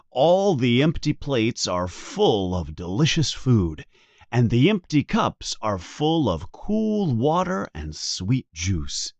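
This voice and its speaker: Male storybook narrator, expressive and slow, slightly muffled recording. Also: mid-range voice, dry recording. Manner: expressive, unhurried. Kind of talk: storybook read-aloud.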